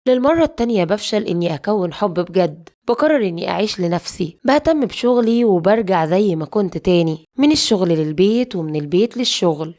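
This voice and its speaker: A woman's voice: mid-range voice, darkish tone. A woman with an Egyptian accent narrating a dramatic first-person story in a conversational way. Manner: rapid, conversational retelling.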